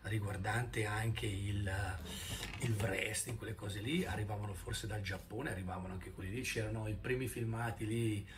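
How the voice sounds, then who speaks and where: Crowd noise sits under this fairly low, fairly even voice speaking at normal speed. It belongs to a man in his fifties, a vlogger at home indoors, who reminisces hesitantly to the arm's-length camera while groping for words, in noisy, amateur phone-style footage.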